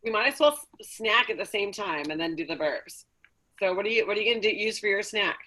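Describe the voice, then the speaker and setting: A woman's voice: medium pitch, expressive, fast talker, sharp tone, poor audio. A woman chatting casually on a video call, joking in a self-deprecating way. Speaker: contest participant. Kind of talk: casual chat.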